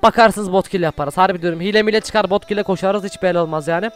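Fast-talking, high-voiced young man. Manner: excitable, shouts during fights, chatty asides to viewers. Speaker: gaming YouTuber. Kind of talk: Minecraft gameplay commentary.

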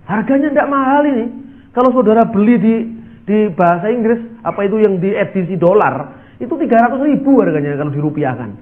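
A man preaching a sermon, animated, swinging between loud and quiet and mimicking other voices. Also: high voice, fairly quick. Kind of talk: sermon with acted dialogue. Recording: tinny phone-like sound.

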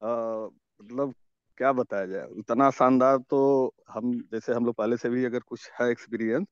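A man's voice: medium pitch, steady tone, smooth, dry recording. Man on a choppy, cutting-out phone line. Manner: halting, hesitant, searching for words. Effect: choppy, cutting-out phone audio. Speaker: caller sharing a customer experience. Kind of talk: casual phone-in chat on an online meeting. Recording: dull, dry phone line.

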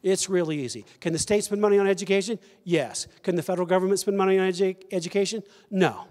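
A man's voice: high-pitched, quick pace, a little mellow. Man, 60s, lecturing in a big hall. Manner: plain-spoken, explains with rhetorical questions and answers. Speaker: conference speaker. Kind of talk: lecture to a live audience. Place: large church stage with an audience. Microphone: handheld mic. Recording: long reverb of a large hall.

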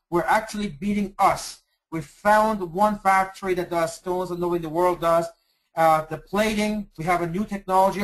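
Man, high voice, company executive, sales webinar, boastful, emphatic, restarts sentences. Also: low-quality recording. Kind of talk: enthusiastic sales presentation.

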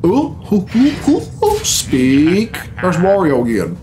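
Sitting in a small furnished room at home with game cutscene music in the background, a man in his thirties hosts a reaction video. His high, slightly mellow voice moves slowly with huge swings in pitch as he grumbles out blunt, profane, off-the-cuff commentary in a casual style, with slight background noise.

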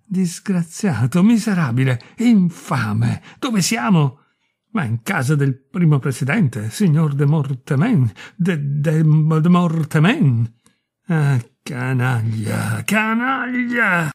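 A man voicing a panicked middle-aged tax collector in a read-aloud story, frantic and shouting. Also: a little high, expressive, slow, hardly any pauses, breathy edge, full character voice. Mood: furious.

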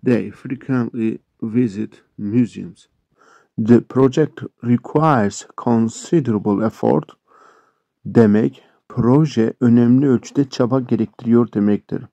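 A man teaching English sentences, explaining each one and repeating the examples slowly. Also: medium pitch, creaky, mellow, no room sound, lo-fi sound. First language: Turkish. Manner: explains sentences line by line, addresses viewers as friends. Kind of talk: language lesson.

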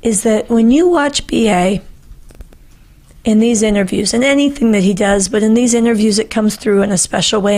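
This is a middle-aged woman hosting a political panel show, her medium-pitched voice a little mellow. Close on a boom-arm podcast mic in a small, book-lined indoor studio, she gives impassioned political commentary. Her delivery is earnest and emphatic, and she repeats phrases to drive points home.

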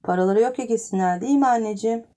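A woman's voice: fairly high pitch, rapid-fire, mellow, natural voice. A woman voicing a boastful spoiled little boy. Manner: proud, eager questions.

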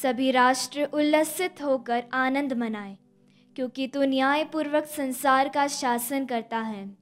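Slow, high-voiced young woman reading scripture. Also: soft background music. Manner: even, deliberate recitation of scripture and psalm. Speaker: scripture reader at Mass. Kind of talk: slow, measured liturgical reading. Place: indoor studio chapel. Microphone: stand mic at a lectern.

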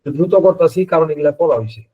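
A man teaching homeopathy, reading case notes in rapid lists and stressing key words. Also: fairly high pitch, lively intonation, breathy edge, highs cut off. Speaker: homeopathy instructor. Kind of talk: lecture on repertory practice.

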